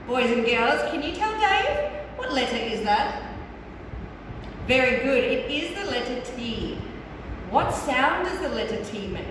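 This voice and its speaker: A woman's voice: sits high, big pitch swings, measured pace, recorded from a distance. A woman teaching young children like a kids show host, in sing-song, exaggerated teacher talk full of questions and praise. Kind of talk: kids show host, letter-sound lesson. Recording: very echoey room, clear background noise.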